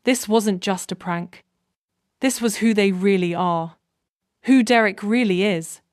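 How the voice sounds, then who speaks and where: A woman reading a scripted first-person story in a measured, even way. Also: mid-range voice, dry recording, studio quality.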